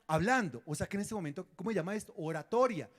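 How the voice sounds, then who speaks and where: A man's voice: high-pitched, lively intonation, quick pace. A man preaching a sermon as pastor, acting out prayers and dialogues and quizzing his congregation.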